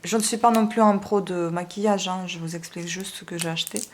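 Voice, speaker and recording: A woman's voice: on the low side, fairly even intonation, fast talker. A woman vlogger chatting casually through an unboxing, hesitant, with many fillers. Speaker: beauty vlogger. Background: wind noise and plastic crinkling.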